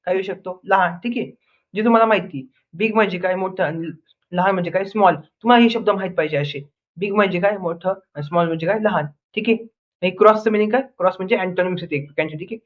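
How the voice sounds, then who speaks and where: A man's voice: high-pitched, fast. A young man teaching an English grammar lesson, drilling word pairs with repeated questions and answers and a constant "okay". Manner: says "ठीक आहे" constantly. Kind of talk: online lesson in Marathi. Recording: tinny phone-like audio.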